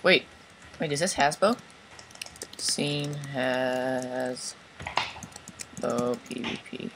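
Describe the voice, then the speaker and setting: A man's voice: medium pitch, drawn-out words, noisy background. A man chatting casually while playing a game, joking around and chanting "bruh". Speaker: gamer. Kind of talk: casual gaming chat.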